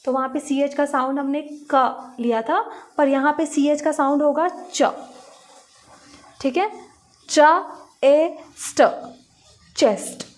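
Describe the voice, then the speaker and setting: A woman's voice: sits high, a little mellow. A woman with an Indian accent teaching phonics to young children in Hindi-mixed English, sounding out letters one at a time.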